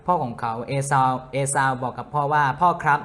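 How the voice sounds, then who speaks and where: A man interprets a sermon live, reading scripture and relaying what the preacher says. He hesitates often and fills the pauses as he finds his words, at a steady mid pitch. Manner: hesitant, many filler sounds. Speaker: church interpreter.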